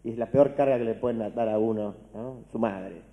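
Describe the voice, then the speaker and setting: A man's voice: lowish voice, normal speed, muffled recording. A man with an Argentine Spanish accent giving a philosophy lecture. He speaks conversationally, often checks in with "¿no?" and restarts his words. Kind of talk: university-style lecture to a large audience. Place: large lecture hall. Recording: long hall reverb.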